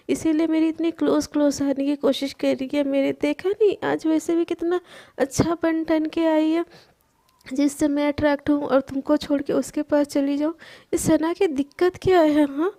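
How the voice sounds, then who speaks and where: A woman's voice: high voice, dark tone. A woman voicing an arrogant, menacing young man who taunts and threatens, pushing each line with a challenging "haan?".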